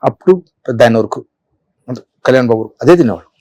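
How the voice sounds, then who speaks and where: A middle-aged man and comedian, telling animated stories in an interview, repeating phrases for effect. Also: medium pitch, fast, no echo. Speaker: comedian guest. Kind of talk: storytelling interview.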